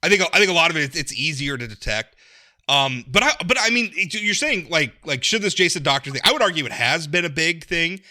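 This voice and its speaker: Male commentator, casual political chat, very bright forceful tone, emphatic delivery. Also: a little high, expressive, fairly quick.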